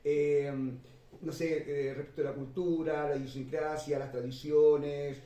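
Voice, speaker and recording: A man hosting and moderating a literary panel, speaking in a measured way with many drawn-out fillers. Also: a little high, flat delivery, mellow. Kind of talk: conversational panel discussion. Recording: roomy echo, distant mic.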